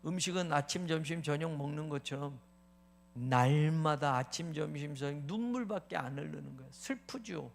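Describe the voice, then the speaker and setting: A male pastor delivering a sermon in a high, gravelly voice. He preaches with animation, asks rhetorical questions, and acts out taunts and anguished prayers to the congregation. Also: fairly quick, few pauses. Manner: addresses the congregation as "you all".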